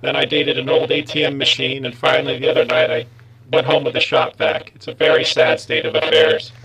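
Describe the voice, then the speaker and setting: A man improvising a heartbroken wine-snob robot with a deadpan mechanical monotone. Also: a little high, fairly quick, lightly acted, low-quality recording. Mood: mopey. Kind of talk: improv comedy on a talk show.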